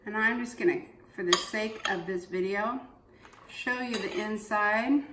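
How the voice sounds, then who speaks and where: A woman's voice: medium pitch, a little slow, noisy background. A woman hosting a home cooking demonstration, talking in a chatty, homey way as she works. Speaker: cooking channel host. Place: home kitchen. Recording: echoey kitchen, distant mic.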